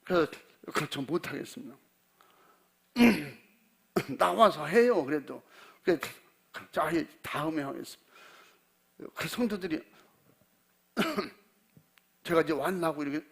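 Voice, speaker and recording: Gravelly-voiced older pastor telling a story. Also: male voice, a little high, fairly bright tone. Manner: folksy storytelling, acts out quoted dialogue, frequent throat clearing. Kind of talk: sermon with personal story.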